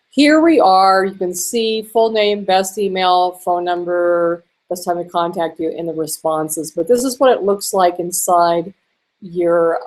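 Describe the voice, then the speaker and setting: A woman walking through a screen-share marketing tutorial in a chatty way, a little hoarse and clearing her throat now and then. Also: on the low side, a little mellow. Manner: chatty, with fillers and small laughs. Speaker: online marketing instructor.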